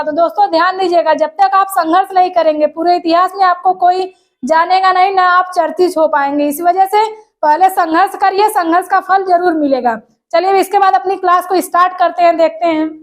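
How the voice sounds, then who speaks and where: A woman teacher explaining an exam-prep lesson step by step, repeating key terms and asking rhetorical questions, and reading definitions aloud slowly. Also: extremely high pitch, fairly even intonation.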